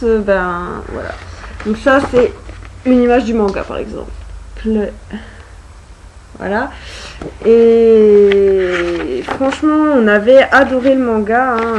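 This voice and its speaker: A woman's voice: on the high side, a little mellow, a little hiss or hum, rough recording. A young woman vlogger chatting casually about her books, full of hesitations and fillers. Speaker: book vlogger. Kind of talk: casual chat.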